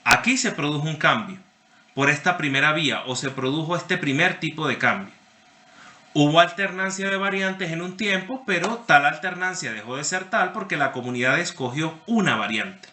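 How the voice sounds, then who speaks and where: Guy teaching a class, keeps asking "sí?", very bright slightly high voice. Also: animated, normal speed, reverberant. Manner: explanatory, checks understanding with frequent "¿sí?"; addresses students by name. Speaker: university lecturer. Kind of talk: online class lecture.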